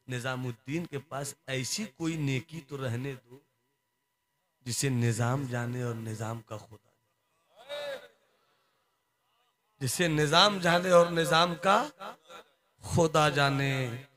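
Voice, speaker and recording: Man playing a gentle old Sufi saint. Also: mid-range voice. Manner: soft, hushing, pleading.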